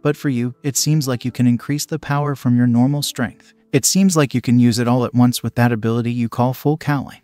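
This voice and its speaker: A man voicing a feisty elderly male hero in a fan storybook reading, in an even, plain reading voice. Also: medium pitch, fairly quick, few pauses, no room sound, soft background music, lightly acted. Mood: advising.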